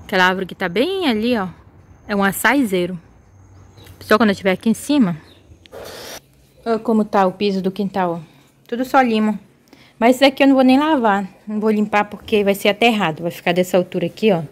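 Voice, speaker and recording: A woman from Belém with a Paraense accent, chatting casually to her viewers in a home vlog, lively and quick to exclaim, filmed on a handheld phone around her yard and rooftop. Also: mid-range voice. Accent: Paraense Brazilian Portuguese. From Belém, Pará, Brazil. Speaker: vlogger.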